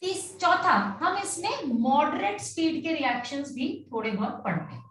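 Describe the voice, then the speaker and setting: A woman with a high voice teaches chemistry in a lecture style, switching between Hindi and English and often asking whether her students follow. She is recorded from some distance in an echoey room. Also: expressive, moderate pace, fairly bright tone. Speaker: chemistry tutor. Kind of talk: classroom lecture.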